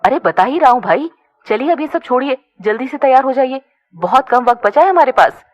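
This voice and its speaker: A brash young man who brags and teases in quick, lively banter, as a woman storyteller puts him on. His voice rises and falls with a bouncy energy. The audio sounds dull and lo-fi. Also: high voice, pitched above the performer's own voice. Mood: teasing. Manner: boastful, teasing banter. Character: cocky playful young man, teasing friend. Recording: dull lo-fi recording.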